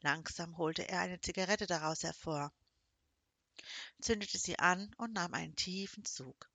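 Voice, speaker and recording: A woman narrating a historical novel in measured, even scripted storytelling. Her voice is on the low side yet bright and forceful, recorded close and completely dry. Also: no echo. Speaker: audiobook narrator.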